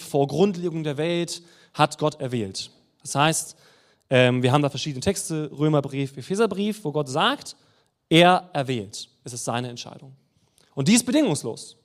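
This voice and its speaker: Male preacher, slightly high voice, animated delivery, explains with rhetorical questions. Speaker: preacher teaching theology. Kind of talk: sermon-style Bible teaching.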